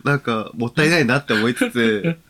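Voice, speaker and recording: Bright-voiced man, lively chatty delivery. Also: fairly high pitch, fairly quick, gravelly. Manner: chatty, giggly, curious questions. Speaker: podcast co-host. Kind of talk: casual chat.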